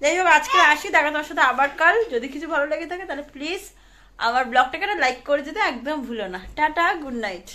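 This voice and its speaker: High-pitched Bengali mother vlogging at home. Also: lively intonation, a little fast, bright, forceful tone. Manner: playful, coaxing baby talk with a young child. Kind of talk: casual home vlog, talking to her toddler. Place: home, indoors. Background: background music.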